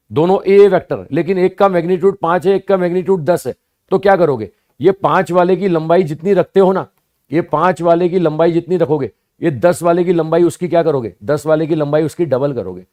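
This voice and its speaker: Slow, patient physics teacher, mellow voice. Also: male voice, a little high. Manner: slow, repetitive explaining with rhetorical questions; addresses students as "bhaiya" and "sahab". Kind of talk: classroom lecture.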